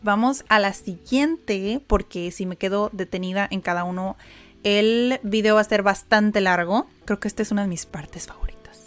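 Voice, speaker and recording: A woman's voice: mid-range voice, normal speed, soft background music. Chatty woman teacher, laughs often. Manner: chatty, laughs often, repeats words for drilling. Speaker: English teacher and podcast host. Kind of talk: casual reaction lesson.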